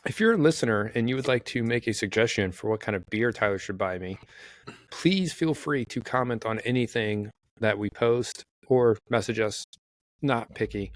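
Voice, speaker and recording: A man co-hosting a sports podcast in casual chat, wry and teasing with quick deadpan asides. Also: medium pitch, dry recording. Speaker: podcast co-host.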